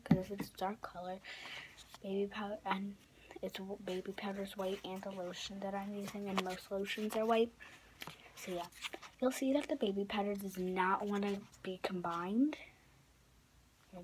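Sitting near her phone camera in a small bedroom, a young craft vlogger walks through a casual project tutorial, her raspy voice often sinking to a whisper. Her pitch is medium and her intonation fairly even at a normal pace, though she rambles, backtracks and uses lots of fillers. A distinct hiss runs beneath this noisy home recording.

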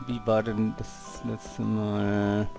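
A man's voice: fairly low pitch, completely flat delivery, very slow, gravelly, dark tone, soft background music. A man hosting a let's play with casual game commentary.

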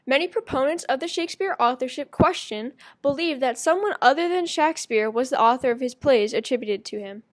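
A woman's voice: high-pitched, animated, fairly quick, few pauses. A woman narrating a school project presentation, reading evenly from a script. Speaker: student presenter.

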